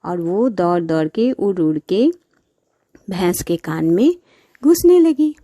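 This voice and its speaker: A woman's voice: on the low side, expressive, takes it slowly, warm tone, no room sound, studio quality. A woman narrating a children's moral story in a plain storytelling way.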